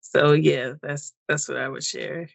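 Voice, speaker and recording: An American woman as an interview guest, speaking in a reflective, unhurried way with many pauses and fillers over a video call. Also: low voice, fairly even intonation, creaky, no echo. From United States. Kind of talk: personal story interview.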